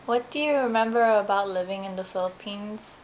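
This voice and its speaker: A woman asking short, gentle questions in an oral history interview. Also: mid-range voice, brisk, slight background noise, low-quality recording.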